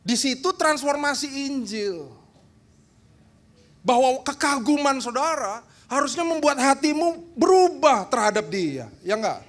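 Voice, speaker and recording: High-voiced Indonesian pastor joking through a sermon. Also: male voice. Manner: humorous, teasing the congregation, animated. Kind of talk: lively church seminar sermon. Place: church hall.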